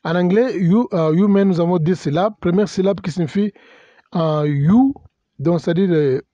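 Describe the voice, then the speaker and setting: A man's voice: sits high, normal speed, dark tone, no room sound, dull audio. A male pastor giving a teaching sermon, hesitant and full of fillers, spelling out words and mixing in English terms. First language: bilingual English and French. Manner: hesitant, many fillers and self-corrections.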